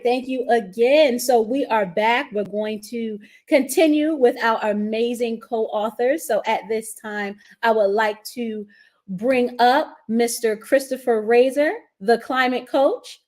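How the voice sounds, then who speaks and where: A woman's voice: a little high, slow, darkish tone. A woman hosting a virtual conference over a video call, formally introducing speakers in an upbeat way. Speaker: conference host.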